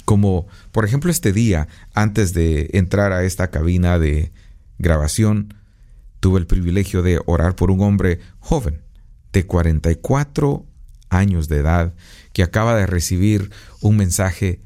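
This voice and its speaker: Deep gravelly-voiced preacher in his fifties. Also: unhurried, dark tone. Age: 50s. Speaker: radio preacher. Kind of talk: radio devotional sermon. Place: recording booth. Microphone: studio microphone.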